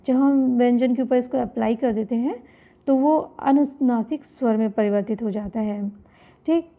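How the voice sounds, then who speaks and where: A woman teaching Sanskrit pronunciation, slowly spelling out sounds, asking recall questions and chanting rules at a deliberate pace. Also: fairly high pitch. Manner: slow, spells out sounds and asks recall questions, then answers them. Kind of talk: classroom-style video lesson. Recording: tinny phone-like audio.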